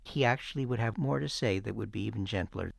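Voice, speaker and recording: A man hosting a podcast, speaking gently and thoughtfully from a studio. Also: on the low side, fast talker, creaky, no room sound. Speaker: podcast host. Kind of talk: reflective narration and phone interview. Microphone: studio mic.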